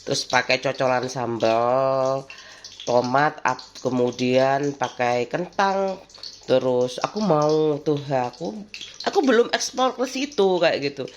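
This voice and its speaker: Cooking at home for her vlog, a lilting woman speaks slowly in a rumbling low voice, drifting from one memory to another and laughing freely. The recording is muffled, with a little hiss or hum.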